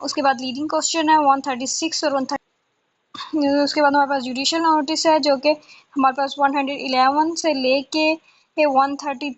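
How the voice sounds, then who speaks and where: A Pakistani woman tutor leads an informal exam-prep lesson, reading repetitively through a list and posing questions to herself before answering them. Her high-pitched voice has little pitch movement and a moderate pace. The recording sounds muffled.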